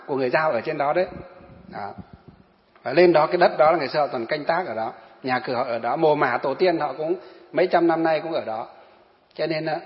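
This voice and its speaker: A Buddhist monk, telling a story in a sermon and often asking his listeners rhetorical questions. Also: a little high. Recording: dull echoey hall sound.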